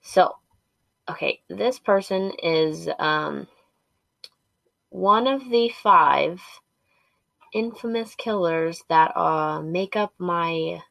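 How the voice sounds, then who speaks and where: Slow-paced woman podcasting inside a closet. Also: lowish voice, vocal fry, a bit bright, no echo. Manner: informal, rambling, self-deprecating, with swearing. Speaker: podcast host. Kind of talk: casual solo podcast chat. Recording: close, dry closet recording.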